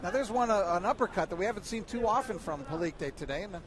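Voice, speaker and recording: A man's voice: high voice, animated, fast talker. A man calling a boxing match as a live play-by-play commentator at ringside. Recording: noisy arena, loud crowd behind.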